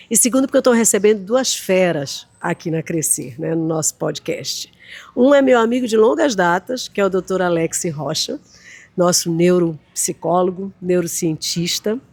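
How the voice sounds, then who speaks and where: Brazilian woman, podcast host, school director, effusive, welcoming, lowish voice, dry sound. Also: darkish tone, no room sound. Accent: Brazilian Portuguese. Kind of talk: hosting a podcast interview.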